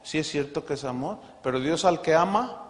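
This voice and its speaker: Male pastor, high voice, preaching emphatically with rhetorical questions; reverberant conference hall. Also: lively intonation, normal speed. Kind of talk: sermon.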